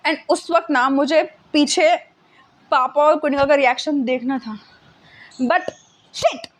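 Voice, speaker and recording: A young woman tells a personal storytime in a high, bright voice. She is animated and self-mocking, and she drops English words into her speech. The delivery is relaxed and chatty. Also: takes it slowly. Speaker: content creator. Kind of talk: casual storytime.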